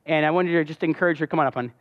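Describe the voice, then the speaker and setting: A man's voice: a little high, racing. Impassioned man preaching in a reverberant hall. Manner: impassioned, storytelling. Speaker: pastor. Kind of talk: sermon testimony. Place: church hall. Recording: dull sound with long hall reverb.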